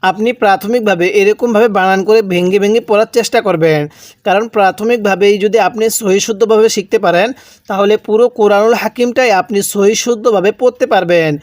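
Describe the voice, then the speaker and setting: A man teaching Quran reading in Bengali with a Bangladeshi accent, spelling out words slowly and asking and answering his own questions. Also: sits high, a little mellow, no echo, clean studio sound. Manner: drills syllable by syllable, asks and answers own questions. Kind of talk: slow spelled-out recitation lesson.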